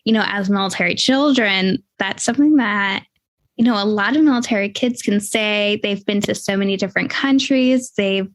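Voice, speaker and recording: A woman's voice: medium pitch, moderate pace, no echo. A woman hosting a podcast interview, upbeat and chatty with lots of fillers. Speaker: podcast host.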